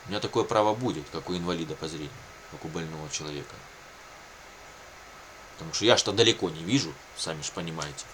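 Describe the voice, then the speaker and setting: Speaking quickly in a rumbling low, fairly bright voice, a video blogger whose first language is Russian tells viewers about his own circumstances. He goes unscripted and loops back over the same points with plenty of everyday catchphrases. The low-quality audio carries a slight hiss or hum.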